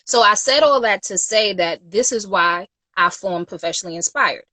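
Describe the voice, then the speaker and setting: A woman's voice: medium pitch, lively intonation, normal speed, sharp tone, dry recording. A woman from Queens, a guest on a casual livestream interview, talking earnestly with many "you know"s. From Queens, New York. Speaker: guest, youth nonprofit founder.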